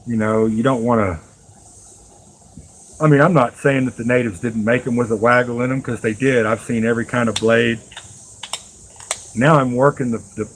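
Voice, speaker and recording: This middle-aged streamer and knife maker has a mid-range voice with fairly even intonation, talking at a moderate pace and pausing often. He rambles in a casual, folksy way to his viewers as he works. The recording is poor quality, with a bit of hiss or hum.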